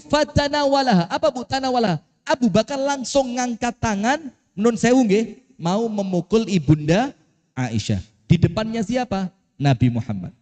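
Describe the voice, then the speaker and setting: A high-voiced man with a Javanese accent delivers a lively sermon, swinging his pitch widely as he acts out voices and throws questions at his listeners. His voice rings with a long reverb, as in a large mosque hall. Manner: animated storytelling, acts out voices, asks audience questions. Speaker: preacher.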